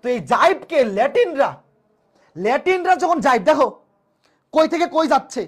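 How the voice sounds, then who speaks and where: High-pitched voice, math teacher, online lecture, repetitive, rhetorical questions. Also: lively intonation, normal speed. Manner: repeats points and asks rhetorical questions.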